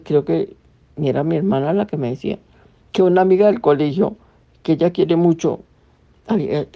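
Woman religious teacher, low and mellow, conversational lecture with read-aloud passages, dull lo-fi recording. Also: vocal fry. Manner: conversational, explanatory, with asides to listeners. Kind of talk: religious talk with read-aloud apparition messages.

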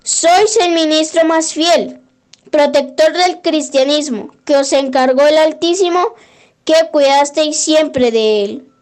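Woman, prayer leader, high voice, slow devotional recitation. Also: a little mellow.

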